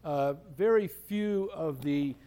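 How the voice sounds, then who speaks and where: Guy giving a sermon, kinda high voice but warm and soft, chatty, keeps asking questions. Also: takes it slowly. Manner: conversational, asks rhetorical questions, repeats phrases. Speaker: preacher.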